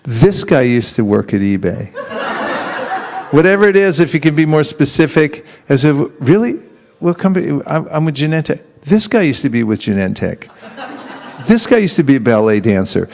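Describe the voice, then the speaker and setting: A man's voice: a little high, big pitch swings, normal speed, a little mellow. A man leading a live teaching seminar. He keeps firing questions at his audience and acts out both sides of short dialogues as he demonstrates. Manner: acts out street exchanges in quoted voices.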